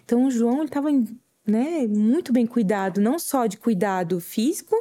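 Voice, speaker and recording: A woman's voice: a little high, brisk, dark tone. A woman, telling an emotional faith testimony as a podcast guest and acting out her own quoted words. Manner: earnest, tearful at times, acts out her own quoted words.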